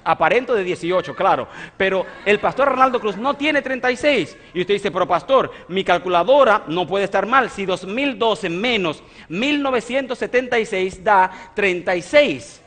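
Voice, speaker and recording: A man's voice: sits high, expressive, moderate pace, a bit bright. A man in his thirties preaching a sermon on a stage in a large church hall. He speaks emphatically and keeps asking his congregation questions, then answers them himself. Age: 30s. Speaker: pastor. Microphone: stage mic at a lectern, filmed by broadcast cameras.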